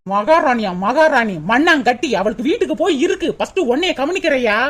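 A woman voicing an angry young village wife in a cartoon, scolding in a shrill, rapid manner. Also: expressive. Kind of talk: cartoon voice acting.

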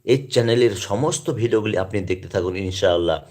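A man teaching Quran reading, reciting Arabic letters and syllables one by one in a slow, deliberate way, then calmly explaining to viewers. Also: lowish voice.

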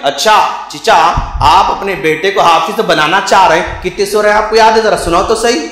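A man with a Hyderabadi Urdu accent preaching a passionate, repetitive sermon in a mosque, often rising to a shout. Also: sits high, normal speed. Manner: impassioned, repetitive, calls listeners "friend", bursts into shouting. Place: mosque hall. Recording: very echoey mosque hall.

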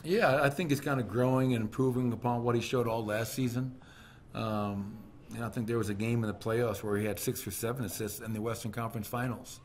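A middle-aged man with an average-pitched voice answers questions after a game, seated at a press-room table with a desk microphone. He talks candidly and conversationally, with plenty of fillers and restarts. A faint hiss sits under the recording. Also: steady tone, brisk. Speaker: basketball head coach. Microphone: desk microphone on a stand.

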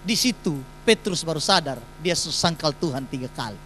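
A man's voice: on the high side, animated, moderate pace, fairly bright tone, slight background noise, rough recording. A man, preaching a sermon in a church and putting emphatic rhetorical questions to the congregation. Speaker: pastor.

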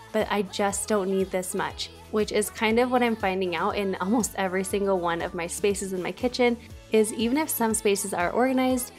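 A young woman narrates her home decluttering vlog in a casual voice-over. She sounds chatty and encouraging, often doubling words for emphasis. Her voice sits at a middle pitch, and soft background music plays underneath. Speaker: home cleaning vlogger.

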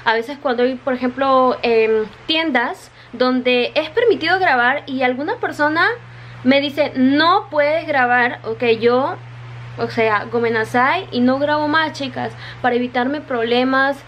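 Chatty high-voiced woman vlogging. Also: a little slow, lo-fi sound, a little hiss or hum. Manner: chatty, repeats words, often says "chicas". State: wet from the rain. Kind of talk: casual vlog to the camera. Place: her home in Japan.

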